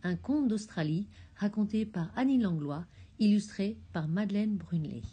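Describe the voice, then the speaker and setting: A woman narrating a children's storybook, expressive and gentle. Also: mid-range voice, moderate pace, husky.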